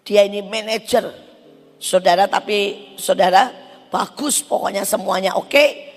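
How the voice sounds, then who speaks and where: A woman preacher delivering a fiery sermon, swinging from loud shouted bursts down to near whispers. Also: medium pitch, creaky, in a large hall. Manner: fierce, loud bursts then sudden drops to near whisper.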